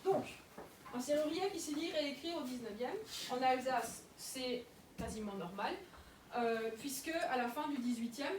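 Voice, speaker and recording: Speaking at a public lecture, a young adult woman with a fairly high voice stalls often on fillers and keeps restarting her sentences, sounding hesitant. The mic seems distant and the room echoes, with steady noise beneath her speech.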